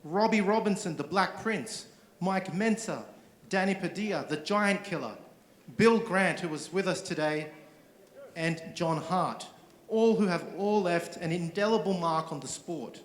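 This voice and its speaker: A man delivers a prepared tribute speech in a fairly high voice. His delivery is formal and measured, clearly read from a script. The venue's sound system gives it a strong echo. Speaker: event speaker. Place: large indoor event venue.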